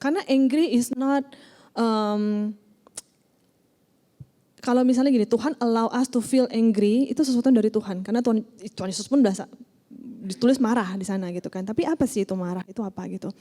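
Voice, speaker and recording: Woman with slang, mellow voice. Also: on the high side, brisk. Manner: mixes English phrases into casual slang, frequent fillers; animated when acting out examples. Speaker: church youth leader giving a talk. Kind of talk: casual talk to a group.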